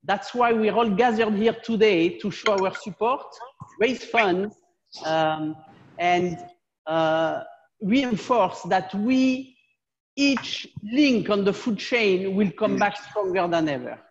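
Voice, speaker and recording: A woman hosting a video fundraiser, giving halting opening remarks with many pauses and fillers. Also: medium pitch, in a large hall, lo-fi sound, slight background noise.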